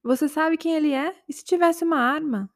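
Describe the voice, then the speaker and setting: A woman's voice: high-pitched, a little fast, no room sound, studio quality, voice pushed up. A woman voicing a young woman who firmly reproaches her boyfriend in a spoken story. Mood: reproachful. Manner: firm, reproachful. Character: young woman, fed-up girlfriend standing firm.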